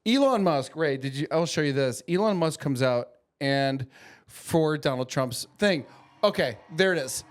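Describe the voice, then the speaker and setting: A man hosting a casual sports podcast, slightly higher-pitched than most men. He teases his co-hosts and keeps pulling the talk back on track. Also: lively intonation, measured pace. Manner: teasing, steers the topic. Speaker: podcast host. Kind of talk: casual chat.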